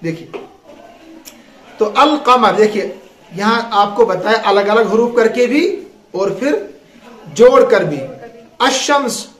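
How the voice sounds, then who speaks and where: A man with a very high voice teaches Arabic letters to a class. He keeps asking questions and pausing so the students can finish his sentences. The room is echoey. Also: fairly bright tone. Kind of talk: classroom lesson with call and response.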